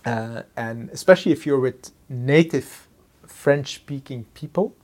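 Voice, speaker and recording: This is a middle-aged man, a Dutch speaker with a Flemish accent, reflecting on his leadership as a company executive. His medium-pitched voice is a little mellow; he often pauses mid-thought hunting for words and punctuates ideas with "huh?".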